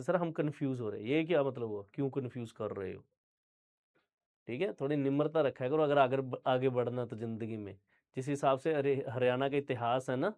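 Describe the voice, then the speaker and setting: A man's voice: mid-range voice, dull audio. A young man from Punjab whose first language is Punjabi, giving an online general-knowledge lecture to students and checking in with them often. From Punjab, India. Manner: talks straight to students, repeats "theek hai" often. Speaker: GK teacher.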